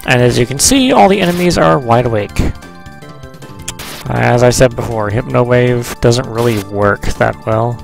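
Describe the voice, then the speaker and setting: A man's voice: medium pitch, lively intonation, moderate pace, gravelly, low-quality recording. A man giving casual, rambling, joking commentary as he plays a video game. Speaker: let's player. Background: video game music.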